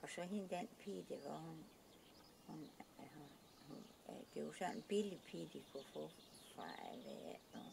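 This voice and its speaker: Older sønderjysk lady telling old stories, gravelly low voice, noisy rec with birds. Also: very animated. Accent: South Jutlandic Danish. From Southern Jutland, Denmark. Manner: hesitant, halting, with many restarts. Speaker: interviewee recalling her youth. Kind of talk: casual oral-history storytelling.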